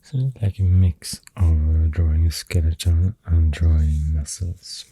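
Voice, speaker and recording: An ASMR creator with a Swedish accent rambles close to the microphone in a soft, breathy, husky near-whisper, her bass voice slow and hesitant, pausing between phrases.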